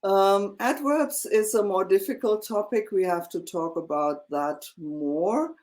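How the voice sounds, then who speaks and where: A woman teaching a one-on-one language lesson, explaining slowly with many fillers and checking in with "yeah?". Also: mid-range voice, a little mellow. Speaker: German teacher.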